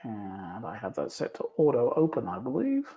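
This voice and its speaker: A man giving a live software tutorial and answering audience questions in a relaxed, explanatory way, with many fillers. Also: mid-range voice, moderate pace. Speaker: guest instructor. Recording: slightly dull streamed audio.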